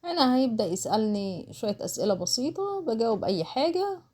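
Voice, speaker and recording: A woman with a slightly high, warm, husky voice and an Egyptian Arabic accent talks fast and very animatedly. As an online instructor, she gives a casual step-by-step screen tutorial, narrating while she works and mixing in English terms.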